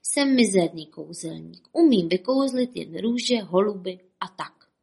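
A woman's voice: mid-range voice, lively intonation, gravelly, dark tone, breathy edge. A woman voicing a gloomy, unlucky older male stage magician who sighs mournfully.

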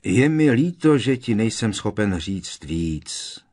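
A man's voice: fairly low pitch, sing-song. A man voicing a mournful, courtly ghost. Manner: quiet, mournful, hesitant. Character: sorrowful male ghost, old courtly gentleman. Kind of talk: audiobook character reading.

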